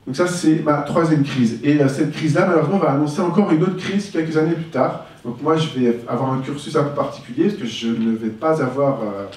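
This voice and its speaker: A man talks candidly and reflectively about his own life, framing it as a personal testimony. His voice is on the high side with a darkish tone, and he speaks fairly quickly with hardly any pauses, captured from far off in an echoey room.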